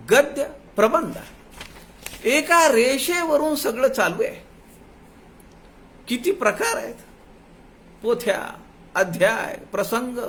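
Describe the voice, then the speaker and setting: A man with a very high-pitched, slightly bright voice gives a devotional discourse as a spiritual teacher. He explains patiently, chants verse lines slowly and drops folksy asides, with slight background noise.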